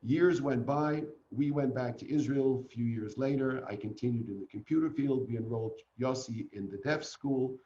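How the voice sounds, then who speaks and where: An older man from Canada tells his story as an interview guest, earnest and animated. His voice is mellow and dark. The sound is dull and roomy, with a faint hiss behind it, like a home video call. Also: medium pitch, normal speed, few pauses.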